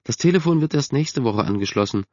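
A man's voice: medium pitch, expressive, a little fast, darkish tone, no room sound, pitched above the performer's own voice, natural voice. A man putting on a nagging, scolding mother. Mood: practical. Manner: raised, scolding calls. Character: weary, nagging middle-aged mother. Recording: dull, dry recording.

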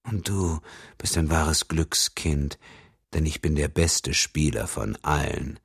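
A man voicing a calm, menacing killer in an audiobook thriller, speaking slowly and quietly. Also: very deep voice, gravelly, slightly rough, dry recording, clean studio sound, full character voice. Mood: cold. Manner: slow, quiet, measured menace. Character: cold, smooth male killer, calm and menacing.

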